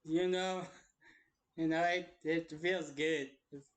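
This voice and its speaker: A woman's voice: low voice, steady tone, slow. A young woman hosting a casual blooper vlog, giggly and swearing a lot. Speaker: hobby voice actor and channel host.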